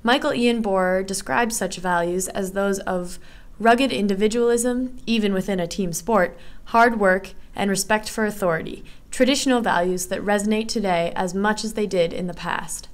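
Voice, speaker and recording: A woman's voice: mid-range voice, normal speed. Young woman reading an earnest essay. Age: young adult. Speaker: student narrator. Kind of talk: read essay narration.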